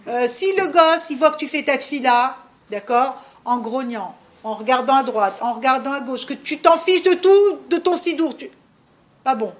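High-voiced woman giving a lively religious lesson. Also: moderate pace. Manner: speaks straight to her listener, peppered with Hebrew terms. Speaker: religious teacher of a women's class.

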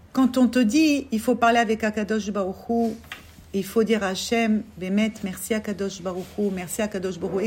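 A woman teaching a religious class to other women, talking lively and asking many rhetorical questions. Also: medium pitch, a little hiss or hum. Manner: lively, asks rhetorical questions, checks in with "d'accord?".

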